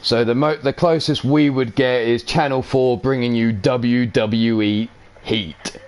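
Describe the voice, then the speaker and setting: A man's voice: mid-range voice, fairly even intonation, a little slow, a little mellow. A man with a brash, profane manner, answering an in-character interview as a wrestler and chuckling now and then.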